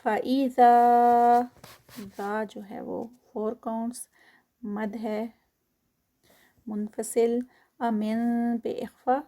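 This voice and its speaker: A woman teaching tajweed, reciting verses slowly and loudly, then explaining the rules quickly and quietly. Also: a little high, level tone.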